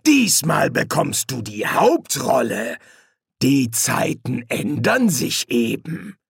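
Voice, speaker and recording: Audiobook demon villain, menacing and smug, drawn-out delivery, lively pitch, as a male narrator puts him on. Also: gravelly, breathy edge, no echo, studio quality, heavily acted. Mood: gloating. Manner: slow, gloating.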